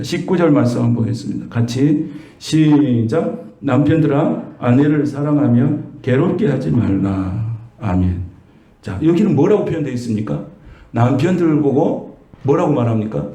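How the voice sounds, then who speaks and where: A man's voice: mid-range voice, warm tone. A middle-aged man preaching a sermon, talking conversationally and asking the congregation rhetorical questions. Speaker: pastor. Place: church sanctuary. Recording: echoey church room.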